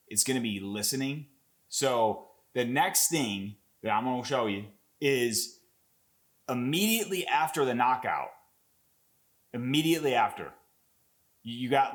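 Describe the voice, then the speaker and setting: A young man with an ordinary middle-pitched voice talks through a fight replay for his channel. He rambles loosely, piles on fillers and curses, and gets worked up over the action. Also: moderate pace. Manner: excitable, rambling, swears a lot, many fillers. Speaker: MMA content creator. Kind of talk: casual fight breakdown commentary.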